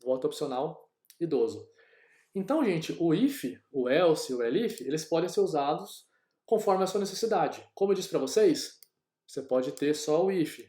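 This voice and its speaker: A man from Brazil leads a screen-recorded coding class as its programming teacher, explaining each step aloud in a relaxed way. His expressive, mellow voice is on the high side, he talks at a normal speed, and the space is echoey.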